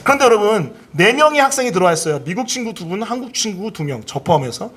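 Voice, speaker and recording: Husky, high-voiced male pastor preaching. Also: fast talker. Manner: animated, acts out inner voices with big pitch swings; has the congregation repeat key phrases. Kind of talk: sermon. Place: church service.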